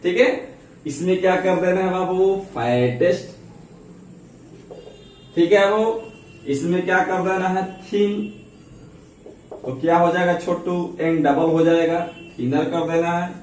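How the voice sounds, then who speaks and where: Hindi-accented male grammar teacher, high voice, quizzes himself aloud, recorded far off in a very echoey room. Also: unhurried, pauses often, darkish tone, slight background noise. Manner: keeps asking questions and answering them himself; calls listeners babu and chhotu affectionately. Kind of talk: classroom-style grammar lesson. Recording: very echoey room, mic at a distance.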